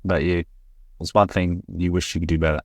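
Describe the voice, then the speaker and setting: A man's voice: low voice, level tone, fast talker, darkish tone, no echo, studio quality. A man co-hosting a casual podcast chat, speaking candidly and reflectively, often restarting his sentences. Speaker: podcast co-host.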